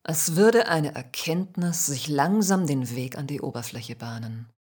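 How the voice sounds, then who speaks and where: A woman calmly narrating a first-person spiritual story in a measured, soft-spoken way. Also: low voice, slightly rough.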